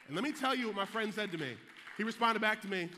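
Male pastor, high voice, impassioned sermon with rhythmic repeats and hallelujahs, jokes with the congregation, recorded in a reverberant sanctuary. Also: lively intonation, quick pace, some chatter behind, slight background noise. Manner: impassioned preaching that swings from hushed to shouting; rhythmic repetition with interjected hallelujahs. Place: church sanctuary. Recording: long hall reverb.

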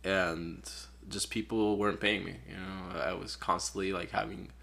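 Speaking in a low, creaky voice at a moderate pace, a young Peruvian man in his twenties guests on a podcast as a photographer. His casual, relaxed talk wanders, peppered with plenty of "like" fillers.

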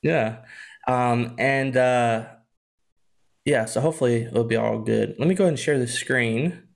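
A young man chatting on a podcast, loose and easygoing, laughing between stories. His voice sits at an everyday middle pitch. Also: measured pace, gravelly. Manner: laughs often, chatty with frequent "like" fillers. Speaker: podcast co-host. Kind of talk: casual chat.

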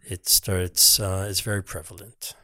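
A man's voice: sits low, level tone, unhurried, sharp tone, no echo, clean studio sound. A man, a sculptor being interviewed on a podcast, talking reflectively with many restarts. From United States. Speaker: guest, sculptor. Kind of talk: casual podcast conversation.

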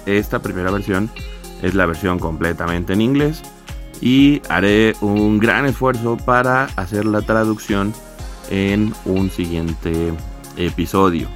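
A man's voice: fairly low pitch, moderate pace, soft background music. Man hosting a casual podcast. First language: Spanish. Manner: hesitant, restarts often in English. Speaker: podcast host.

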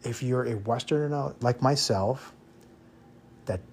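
An American expat podcast host, a native English speaker, delivers an informal monologue full of blunt, opinionated advice, repeating points to drive them home. He speaks slowly in a husky, mid-range voice.

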